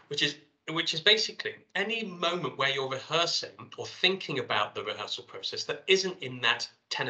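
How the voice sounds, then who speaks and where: A middle-aged man lecturing in an online seminar, walking through his slides and reading out his field notes in a reflective way. His voice is very bright and sits at an ordinary middle pitch. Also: poor audio.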